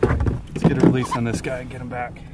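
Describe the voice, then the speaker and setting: A man's voice: mid-range voice, monotone, fairly quick, very noisy. Whooping kayak angler, man outdoors. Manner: exclaiming in disbelief, whooping. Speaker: kayak angler filming himself. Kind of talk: excited fishing vlog commentary.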